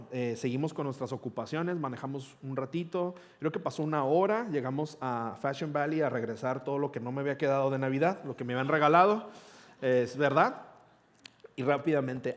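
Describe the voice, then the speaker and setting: A middle-aged man, a pastor telling a personal story in a conversational sermon and acting out the dialogue. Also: medium pitch. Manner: conversational, animated retelling with quoted dialogue.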